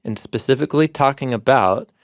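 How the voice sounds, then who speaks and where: A man's voice: mid-range voice, a little fast, dry recording, clean studio sound. A man co-hosting a podcast, explaining old texts and word meanings with scholarly enthusiasm. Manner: enthusiastic scholarly explaining, citing ancient sources. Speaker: podcast co-host, Bible teacher.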